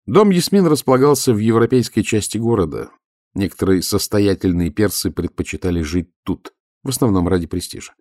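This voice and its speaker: A man's voice: lowish voice, animated, brisk, darkish tone, no room sound. A man reading a first-person story in a composed, dry storytelling manner. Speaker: audiobook narrator. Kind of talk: first-person audiobook narration.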